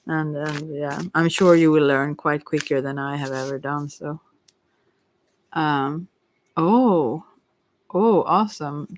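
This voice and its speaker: On a rough recording, a medium-pitched voice speaks slowly with long pauses. A tarot reader in an ASMR livestream is offering casual, gently encouraging spiritual advice, rambling hesitantly and often letting thoughts trail off unfinished.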